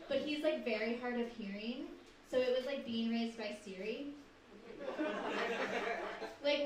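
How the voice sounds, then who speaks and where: A young woman performing a stand-up comedy set with dry, sardonic storytelling at a live show. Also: on the high side. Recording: echoey room, far from mic, loud noise.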